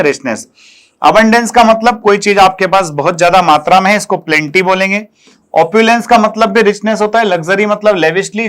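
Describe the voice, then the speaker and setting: A man teaching English vocabulary in Hindi in an online exam-prep lesson, calling his students "beta" and posing questions he answers himself. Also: high voice. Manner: addresses students fondly as "beta" and "bachche", asks and answers his own questions.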